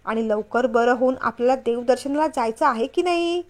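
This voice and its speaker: A woman's voice: high-pitched, moderate pace, close to an everyday voice. Woman voicing a stern scolding young husband. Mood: pleading. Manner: scolding, firm, louder.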